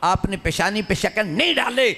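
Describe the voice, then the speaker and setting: A man's voice: sits high, lively intonation, creaky, bright, forceful tone, heavily acted. A man preaching a sermon, voicing an indignant man who demands repayment of a debt. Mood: earnest. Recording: long hall reverb.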